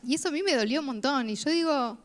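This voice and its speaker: A woman with a Rioplatense Spanish accent preaches, telling her own story in an earnest, personal way. Her voice sits fairly high for a woman. A long reverb from the hall trails behind each phrase. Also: quick pace. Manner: personal, earnest testimony with frequent rhetorical "¿no?". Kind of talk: sermon. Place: church hall.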